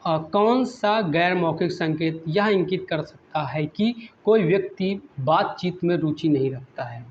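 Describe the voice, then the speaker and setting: A male teacher working through exam questions, reading each English question slowly, then explaining it in Hindi and asking his own prompts again and again. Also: on the high side, muffled recording, slight background noise.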